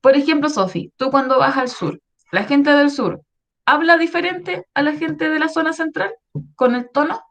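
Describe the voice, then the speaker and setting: Here a woman's voice sits high, a bit bright, at normal speed, carrying a Chilean Spanish accent. As a history teacher in an online class, she patiently explains the lesson to schoolchildren and repeatedly checks their understanding with prompts like "¿ya?".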